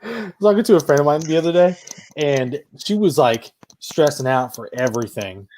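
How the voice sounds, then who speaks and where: A man's voice: a little high, lively intonation, fairly quick, a little mellow, slight background noise. A man from Florida hosting a podcast, chatting casually and joking with movie quotes. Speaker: podcast host. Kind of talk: casual chat.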